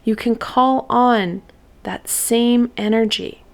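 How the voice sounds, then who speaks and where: A woman giving a spiritual oracle card reading to her viewers, talking in a gentle, encouraging way with thoughtful pauses. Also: on the high side, steady tone, gravelly.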